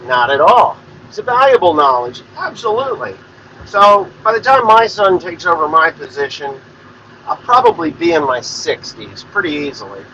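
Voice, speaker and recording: A man's voice: on the high side, sing-song, moderate pace, sharp tone, a little hiss or hum, rough recording. A man in his forties, a farmer hosting his own show, talking in a plain-spoken, rambling way and swearing freely from inside a vehicle. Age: 40s. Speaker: farmer and podcast host. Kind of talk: casual rambling monologue.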